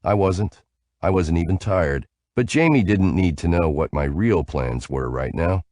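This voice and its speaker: Male audiobook narrator, low voice, calm even delivery, dry close recording. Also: moderate pace, no room sound. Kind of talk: first-person audiobook narration.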